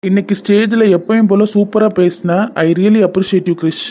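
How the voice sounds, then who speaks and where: A man's voice: sits high, steady tone, moderate pace, dark tone, close to an everyday voice. A man voicing a polite young team leader in a cartoon, with a Kanyakumari Tamil accent. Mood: friendly. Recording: lo-fi dull audio.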